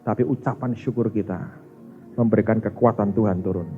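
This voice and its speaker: A man, a pastor preaching a sermon, speaking directly to his congregation in an animated way. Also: lowish voice, a little fast. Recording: muffled recording with faint music.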